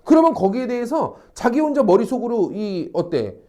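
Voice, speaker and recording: Male cram-school social studies teacher, fairly high mellow voice, animated, rhetorical, a bit crude. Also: moderate pace. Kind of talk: lecture to high school students.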